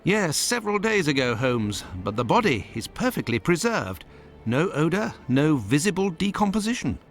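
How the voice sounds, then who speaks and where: An actor playing a loyal, proper Victorian doctor in a video game, with a British accent and an earnest, expressive manner. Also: male voice, fairly high pitch, normal speed, soft background music. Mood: clinical, grave.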